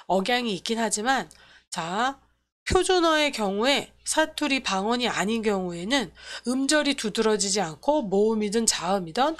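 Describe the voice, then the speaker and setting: A woman's voice: medium pitch, a bit bright. Korean woman teaching English grammar. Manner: explanatory, repeats points, starts lines with "so". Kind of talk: lecture on English pronunciation.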